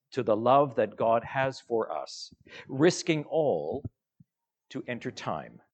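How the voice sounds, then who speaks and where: A man preaching a sermon in a slow, measured way, letting his phrases trail off softly. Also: mid-range voice.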